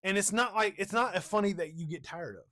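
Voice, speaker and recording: A man's voice: high voice, quick pace, bright, forceful tone, dry recording, clean studio sound. A man co-hosting a casual movie review podcast, laughing often and acting out scenes as he retells them. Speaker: podcast co-host.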